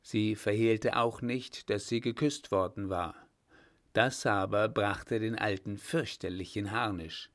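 Slow, low-voiced male storyteller. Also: fairly even intonation. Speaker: audiobook narrator. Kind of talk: scripted narration.

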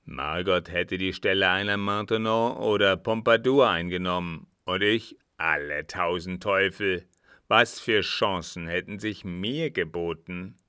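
A man reading a storybook voices a brusque, scheming former French captain who curses and speaks low and forcefully. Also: measured pace, no room sound, clean studio sound. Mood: gruff. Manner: gruff, brusque, cursing.

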